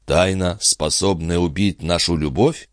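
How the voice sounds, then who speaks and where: A man voicing an earnest, stunned nobleman in an audiobook, in a low, measured tone. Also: no echo, studio quality. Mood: bewildered.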